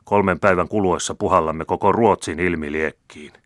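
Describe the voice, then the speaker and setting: A man reading an audiobook, voicing an older hot-tempered general who shouts fiery demands. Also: deep voice, fairly even intonation, no room sound, clean studio sound.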